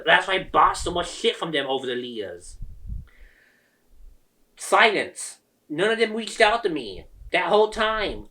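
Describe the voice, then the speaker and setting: Angry solo rant from a male creator; high, bright voice, slightly off-mic. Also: distant mic. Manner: heated, swearing, quotes people in mock voices. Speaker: gaming video creator. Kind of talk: angry ranting monologue.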